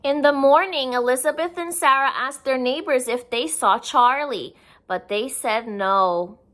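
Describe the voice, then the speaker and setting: A woman whose voice sits high reads a picture book to young children at a measured pace, sounding a bit bright. Her reading is expressive, with plain explanatory comments mixed in.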